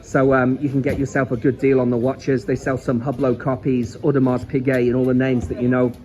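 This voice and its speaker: Brisk and level in tone, this Liverpudlian man's medium-pitched voice has a dark quality. He walks along a seaside promenade in England, rambling chattily through a casual travel vlog and repeating himself.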